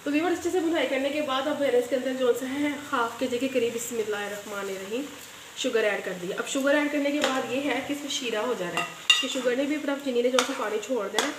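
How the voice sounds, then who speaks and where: A woman with a slightly high voice runs a home cooking channel, talking straight to her viewers while she works through a recipe at the stove. She's chatty and often drops in a pious phrase. Heavy background noise fills the echoey kitchen, with loud sizzling and clanking pans.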